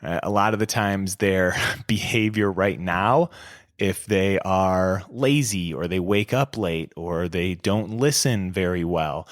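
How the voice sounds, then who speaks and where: A man in his thirties talks through his podcast as a coach, candid and reflective. His voice sits on the low side. The recording is dry, with no room sound at all. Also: dry recording. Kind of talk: casual solo podcast talk.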